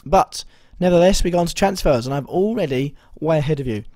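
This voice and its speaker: A young man with a slightly hoarse voice that is still recovering, talking through his fantasy football week in a rambling way, full of ums and self-corrections. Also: on the high side, lively intonation, quick pace, dark tone, no room sound. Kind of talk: casual video commentary.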